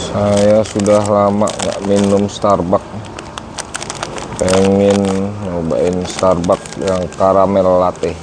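A man in his thirties with a deep, level voice takes his time reviewing a camping stove outdoors on a patio garden, with noise in the background. In this casual product vlog, he goes step by step and calls his viewers guys.

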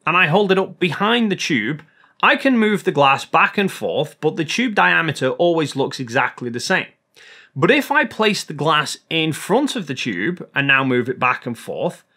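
A man hosting a photography video, giving a scripted technical explanation in a clear, explanatory way. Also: fairly high pitch, bright, forceful tone.

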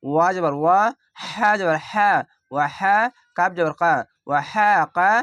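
A young Bangladeshi man with a Bangladeshi Bengali accent runs a slow recitation lesson, spelling Quran words letter by letter and drawing out what he recites. His high-pitched voice is a bit bright and a little fast. The recording is dry and made close to the mic.

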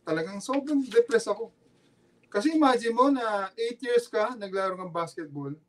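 A middle-aged man with a Filipino accent speaks in a fairly high voice. He tells his story in a casual interview, earnest and halting, and he circles back to repeat his words. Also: expressive. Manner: earnest, halting, repeats himself, mixes Tagalog and English. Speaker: former pro basketball player, guest. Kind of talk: casual podcast interview, personal testimony.

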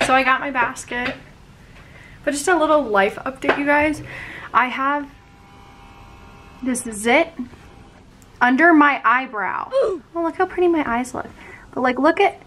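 A woman's voice: sits high, a little slow, pauses often, fairly bright tone, a little hiss or hum, rough recording. A young woman with a bubbly, gushing sorority-girl manner, chatting casually for a vlog. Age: young adult. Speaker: vlogger, college sorority member.

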